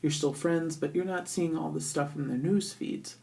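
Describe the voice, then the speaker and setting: A middle-aged woman giving a casual, halting chit-chat to camera, recorded in an echoey bathroom. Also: low voice, creaky, warm tone. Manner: hesitant, halting, thinking aloud. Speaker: vlogger. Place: indoors, in a bathroom.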